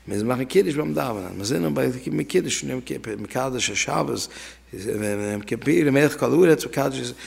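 A man's voice: medium pitch, lively intonation, normal speed, vocal fry, slightly rough. A man teaching an informal religious law lesson as a rabbi, talking conversationally and telling anecdotes to his listeners. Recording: reverberant hall.

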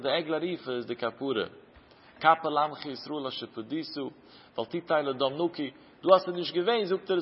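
Guy teaching talmud, kinda high husky voice, chants the text then asks questions, dull recording in a big echoey hall. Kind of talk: traditional Talmud lecture.

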